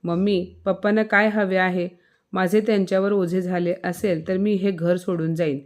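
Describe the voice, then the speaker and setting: A woman's voice: lowish voice, steady tone, moderate pace, lightly acted. Woman doing a stubborn, indignant young wife.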